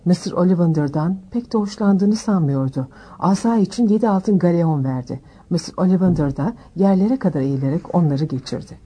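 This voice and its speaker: A woman narrating a storybook aloud in a steady, measured reading voice. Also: lowish voice, husky. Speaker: audiobook narrator.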